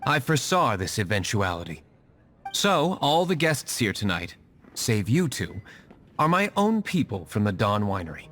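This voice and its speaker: Game dub: a curt, aloof young tavern owner, dry delivery. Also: male voice, lowish voice, sing-song, moderate pace, a bit bright, faint music behind. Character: stern, reserved young male tavern owner. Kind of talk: video game dub acting.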